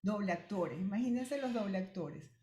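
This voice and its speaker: A woman with a Venezuelan accent, a voice specialist explaining vocal strain to listeners in a clear, direct way. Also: mid-range voice, animated, normal speed, warm tone, slight background noise. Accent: Venezuelan Spanish. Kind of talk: explanatory talk. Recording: roomy echo.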